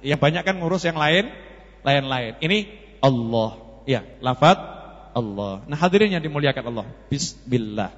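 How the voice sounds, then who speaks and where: A man with a Javanese accent preaching a sermon, animated and telling stories, acting out the dialogue as he goes. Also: mid-range voice, moderate pace. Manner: animated, acts out dialogue in the story, mixes in Javanese. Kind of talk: sermon with storytelling. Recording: lo-fi echoey hall.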